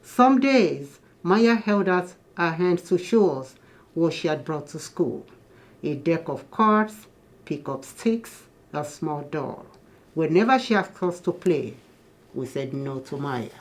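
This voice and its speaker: A guest storybook reader, a woman with a low-pitched, animated voice, reads a children's picture book aloud slowly. She takes a teacherly approach, explaining things to her young listeners.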